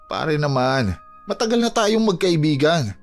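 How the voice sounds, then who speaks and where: In an audio drama, an actor plays a blunt, concerned coworker pleading with his friend, earnest and plain-spoken. His voice is fairly high and sing-song, with a slightly slow delivery, and music plays in the background.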